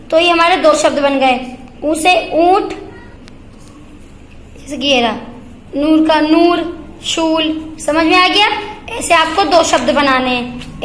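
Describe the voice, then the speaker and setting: A woman's voice: sits high, a bit bright, slight background noise. A woman teacher giving a grammar lesson to children, repeating points and asking questions that she then answers herself. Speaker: school teacher.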